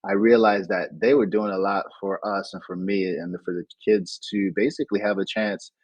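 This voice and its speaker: A lower-voiced man from Nigeria reflects on his past as a guest in an interview, his tone husky and a little rough. He restarts sentences often and grows animated when recounting events. The sound is close and dry. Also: normal speed, no room sound, rough recording. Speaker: interview guest, digital entrepreneur. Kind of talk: casual storytelling interview.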